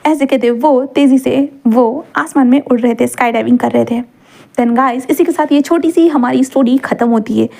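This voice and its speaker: A woman's voice: high-pitched, moderate pace, vocal fry, dark tone. A woman storyteller narrating a romance story in a chatty, casual way, dropping English words into her telling.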